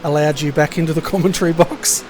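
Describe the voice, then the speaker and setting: A man's voice: on the high side, steady tone, fast, a little hiss or hum. Chatty man commentating a race. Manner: easygoing, chatty, laughs with co-hosts. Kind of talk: casual online race commentary.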